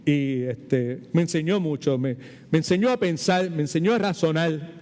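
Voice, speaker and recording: An older man preaches in Puerto Rican Spanish, sliding into tangents and stray English phrases as he teaches. His voice sits fairly high yet sounds warm and mellow. A long church-hall reverb trails after every phrase. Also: moderate pace. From Puerto Rico. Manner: chatty, digressive, mixes English words into Spanish. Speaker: pastor teaching a Bible study. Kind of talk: informal sermon teaching.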